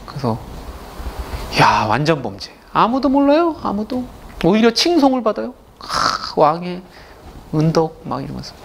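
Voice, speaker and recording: A man's voice: high-pitched, normal speed, vocal fry, a little hiss or hum. A male pastor retelling a Bible story in a casual, chatty sermon, acting out the characters' lines as he goes. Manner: lively, acts out characters' lines.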